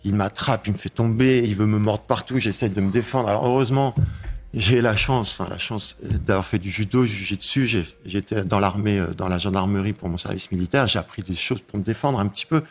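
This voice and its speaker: A man giving an emotional testimony, telling his story in a halting way, repeating himself and raising his voice when he relives the moments. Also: on the low side, soft background music. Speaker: interviewee recounting a break-in.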